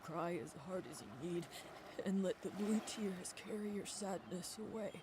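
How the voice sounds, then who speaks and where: A man's voice: high voice, steady tone, slight background noise, lightly acted. A man voicing a tearful grieving young man. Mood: gentle. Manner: halting, tearful and soft. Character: grieving young man missing his grandmother. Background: game music.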